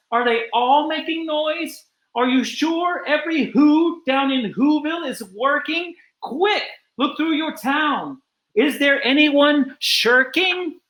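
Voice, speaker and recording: A storyteller voicing a gentle, earnest elephant in a read-aloud picture book, asking questions with urgency. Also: high-pitched, roomy sound, pitched above the performer's own voice, exaggerated voice, poor audio. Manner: earnest, pleading.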